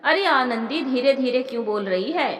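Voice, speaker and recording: A woman voicing a stern, sharp-tongued old village mother-in-law with a Rajasthani accent, in a storybook narration. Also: high voice, animated, moderate pace. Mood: scolding. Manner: scolding, blunt village dialect. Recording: roomy with long reverb.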